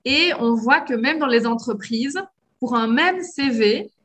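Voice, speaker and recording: A woman from Belgium with a softened Liège accent, explaining her views in a casual conversation with frequent hesitations. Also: a little high, animated, unhurried. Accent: Belgian French, from Liège, softened.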